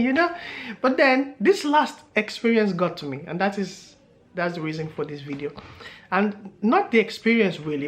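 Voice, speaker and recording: A man's voice: on the high side, a bit bright. A man vlogging to camera, telling a story in a loose, meandering way, with many fillers and laughs along the way.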